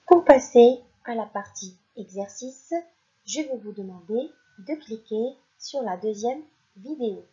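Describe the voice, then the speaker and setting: A woman teacher giving a recorded reading lesson to young children, slowly sounding out syllables and letters. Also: fairly high pitch, expressive, mellow. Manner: slow, deliberate, sounding out syllables. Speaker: primary school teacher. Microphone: voice-over for slides. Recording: dull lo-fi recording.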